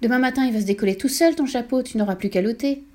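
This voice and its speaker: A woman voicing a bossy, sharp-tongued mother who scolds curtly in a storybook reading. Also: a little high, fast, pitched above the performer's own voice, close to an everyday voice. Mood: scolding. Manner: scolding, curt.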